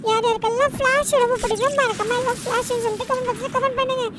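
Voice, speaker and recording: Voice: very high-pitched, fairly even intonation, rapid-fire. A voice actor playing a small cartoon boy's body taken over by an evil power, boasting and threatening. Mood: boastful. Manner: boastful, threatening, shouting at others. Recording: distant voice under loud game noise.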